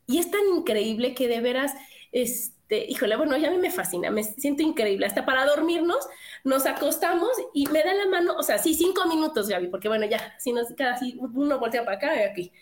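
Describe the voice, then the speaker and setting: A middle-aged woman with a Mexican accent, co-hosting a casual chat, talking in a lively way with many rhetorical questions. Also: high-pitched, brisk. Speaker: co-host. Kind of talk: casual chat reading viewer comments.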